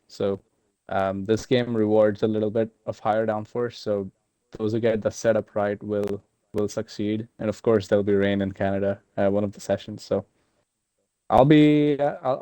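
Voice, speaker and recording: Low, mellow-voiced man in a post-race chat. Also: dry recording. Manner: halting, many fillers and restarts. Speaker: sim racing driver, race winner. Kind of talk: casual post-race interview.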